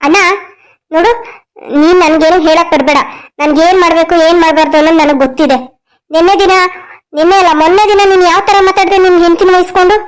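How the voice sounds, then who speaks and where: A woman's voice: extremely high pitch, fairly even intonation, fast talker, low-quality recording. A woman voicing a defiant, headstrong young woman in a cartoon story, answering back bluntly.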